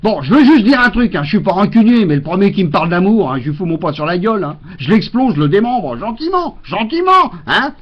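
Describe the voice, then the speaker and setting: A man's voice: sits high, lively intonation, fast, few pauses. A man doing a rambling, exasperated comic monologue into a webcam at home, full of fillers and mock rants. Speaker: comedian. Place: home, indoors. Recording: dull lo-fi webcam audio.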